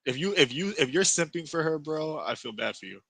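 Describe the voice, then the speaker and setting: A man's voice: fairly high pitch, animated, bright, forceful tone, dry recording. A man co-hosting a podcast in casual chat, blunt and talkative, saying "bro" and "like" constantly. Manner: blunt, fast-talking, peppered with "bro" and "like". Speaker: podcast co-host.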